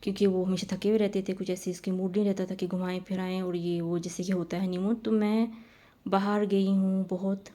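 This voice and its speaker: A woman's voice: mid-range voice, little pitch movement, mellow. A woman telling a personal story in a casual, rambling way, often repeating her phrases.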